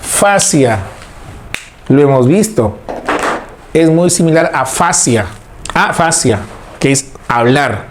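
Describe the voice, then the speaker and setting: A man's voice: fairly high pitch, animated, slow pace, pauses often, noisy background. A man teaching a recorded lecture, repeating key words and asking imagined students questions before answering them.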